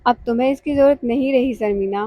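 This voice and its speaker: A woman's voice: a little high, no echo, lo-fi sound, natural voice. A woman reading the lines of a stern mother who stresses her words pointedly. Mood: tearful.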